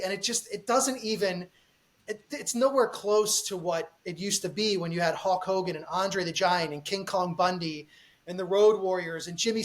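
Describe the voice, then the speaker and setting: A man co-hosting a podcast, recalling pop culture with enthusiasm in casual chat. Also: high-pitched. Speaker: podcast co-host.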